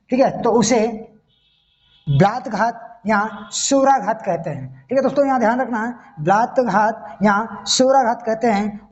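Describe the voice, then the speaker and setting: A man's voice: extremely high pitch, a little mellow. A man giving a grammar lesson step by step, often stopping to check that the listener is following. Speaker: Hindi grammar teacher. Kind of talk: classroom-style video lesson. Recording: dull lo-fi recording.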